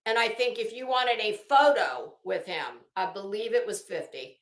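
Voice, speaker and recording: With a mid-range voice, lively intonation and moderate pace, a woman hosts online, rambling through opinionated, gossipy remarks and lengthening the words she emphasizes. The room sounds roomy and echoing.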